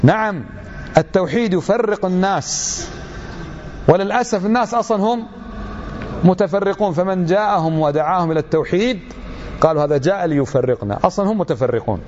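A man's voice: sits high, fairly quick, a little mellow, lo-fi sound, a little hiss or hum. A middle-aged man giving an emphatic religious lecture, full of rhetorical questions.

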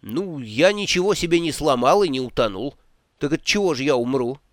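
A man's voice: on the high side, animated, moderate pace, dry recording, studio quality, lightly acted. A man voicing a jittery cowardly wizard, Rincewind. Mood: defiant.

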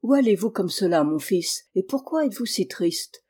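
A woman doing a gentle, wise old man. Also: mid-range voice, lively intonation, normal speed, slightly rough. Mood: kindly.

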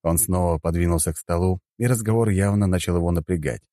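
A man narrating an audiobook in an expressive storytelling manner. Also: low voice, quick pace, dry recording, clean studio sound. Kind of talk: scripted narration.

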